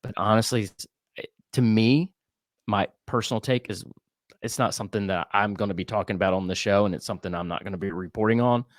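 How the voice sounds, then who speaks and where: A man's voice: lowish voice, quick pace, no echo, clean studio sound. A man hosting a casual podcast chat, talking earnestly and conversationally. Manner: earnest and conversational, with fillers and restarts. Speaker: podcast host.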